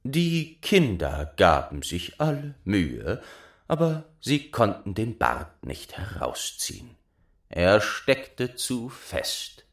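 A man reading a fairy tale aloud in an expressive, measured storybook style. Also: on the low side. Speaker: narrator.

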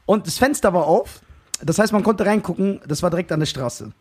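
Young male podcast co-host, high-pitched husky storyteller, animated delivery. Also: brisk. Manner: animated storyteller, laughs often. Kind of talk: casual chat, storytelling.

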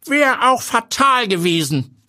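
A slow, lecturing old grandpa. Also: male voice, very high-pitched, sing-song, pushed and bright, pitched above the performer's own voice, exaggerated voice. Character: elderly grandfather, lecturing, dry and knowing.

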